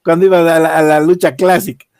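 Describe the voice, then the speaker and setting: A man with a Bolivian accent hosting a casual wrestling commentary, reviewing matches in a jokey, halting way. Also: fairly high pitch, clear, resonant tone, no echo. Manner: animated, jokey, swearing, halting repetitions. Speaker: wrestling show host.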